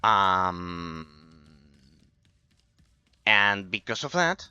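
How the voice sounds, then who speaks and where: A man's voice: low voice, big pitch swings, very slow, pushed and bright, smooth, dry recording, lo-fi sound. A man from Argentina, streaming a game while answering chat and rambling about philosophy, often repeating himself. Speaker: gaming streamer. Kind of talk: casual commentary while gaming, replying to chat.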